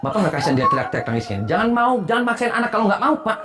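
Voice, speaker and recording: A man's voice: sits high, very animated, very fast. A man playing an indignant young motorbike-taxi driver who confronts a family and defends his girlfriend. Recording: loud music underneath.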